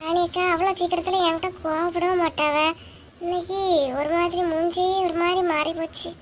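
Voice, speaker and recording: A woman's voice: extremely high pitch, level tone, a little hiss or hum. A woman voicing a fretful, touchy village housewife in a cartoon comedy, grumbling and snapping back in a Kanyakumari Tamil accent. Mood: worried. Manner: grumbling, quick to snap back. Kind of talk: comic cartoon dialogue.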